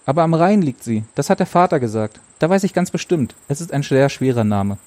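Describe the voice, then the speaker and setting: Man reading a chatty little boy for a storybook, lifted pitch, mellow tone. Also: animated, brisk, no room sound, lightly acted. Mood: eager. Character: cheerful six-year-old boy.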